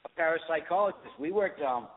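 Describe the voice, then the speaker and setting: A man's voice: a little high, lively intonation, brisk. A man from Massachusetts hosting a podcast in casual, conversational talk. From Salem, Massachusetts. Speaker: podcast host. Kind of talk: casual chat. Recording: narrow phone-like audio.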